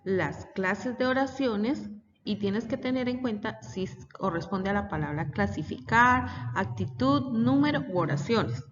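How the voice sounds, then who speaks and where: A woman's voice: mid-range voice, animated, measured pace, distant mic, noisy background. A woman teacher, patiently explaining a lesson for children. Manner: patient, explanatory, reading example sentences aloud. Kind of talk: recorded classroom lesson for children. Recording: dull audio with long reverb.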